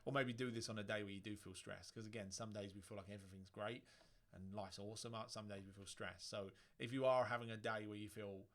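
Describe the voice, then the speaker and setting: A breathing instructor leads a guided relaxation lesson, speaking informally and conversationally with joking asides. His lowish voice is steady in tone and fairly quick, with few pauses. He's indoors in a room near a busy road, facing a screen with the mic within arm's reach.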